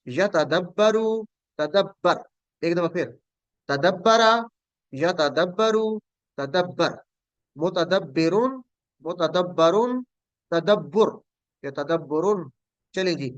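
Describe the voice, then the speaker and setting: A man teaching an online class, patiently drilling verb forms, repeating each word slowly and correcting students. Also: high-pitched, expressive, a bit bright, dry recording, highs cut off. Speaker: Quran Arabic teacher.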